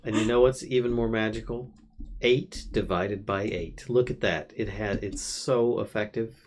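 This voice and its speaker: A man's voice: fairly low pitch, moderate pace, a little mellow, a little hiss or hum. A man live-streaming a modded game, chatting casually, teasing his co-player and laughing often. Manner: playful teasing, laughs often, thinks aloud.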